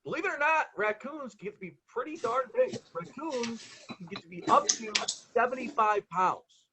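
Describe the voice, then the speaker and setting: Guy doing standup, punchy jokes, chatty storytelling, voice kinda high and all over the place, exasperated. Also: sing-song, moderate pace, heavy background noise. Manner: conversational storytelling with acted-out exchanges. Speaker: touring road comic.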